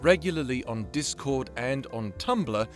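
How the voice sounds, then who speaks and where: A man hosting a fan-facing channel he created rambles through casual, sweary commentary in a chatty, informal way. His mid-range voice has lively intonation and a slightly slow pace, with faint music in the background.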